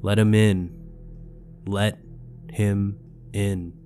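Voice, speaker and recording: A male narrator reading the lines of a frightened, possessed young wife in a horror story, flat and pleading. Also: lowish voice, very slow, soft background music. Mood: eerie pleading.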